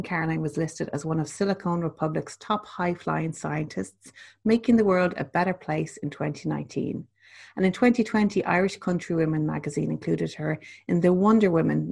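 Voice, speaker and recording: A woman's voice: deep voice, brisk, gravelly, darkish tone, husky. A woman hosting a podcast, reading an enthusiastic introduction of her guest. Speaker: podcast host.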